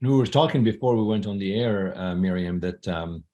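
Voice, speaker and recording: A man hosting a podcast interview, enthusiastic and animated as he introduces his guest and asks questions. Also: deep voice, normal speed, lo-fi sound. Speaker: podcast host.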